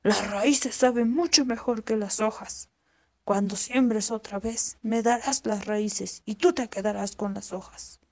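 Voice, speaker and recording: A big, grumbling storybook bear, played by a woman reader, threatening and slow. The delivery is heavy and deliberate, with a warm, mellow tone. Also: a little high. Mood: indignant.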